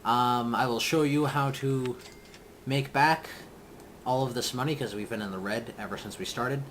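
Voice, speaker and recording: A young man talks through his game in a relaxed, meandering way, restarting sentences and drifting between thoughts. His voice sits at an ordinary middle pitch. The home desk recording carries clear background noise and the click of typing. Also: moderate pace. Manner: rambling, thinking aloud, trailing off. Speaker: let's play gamer. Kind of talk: casual gameplay commentary.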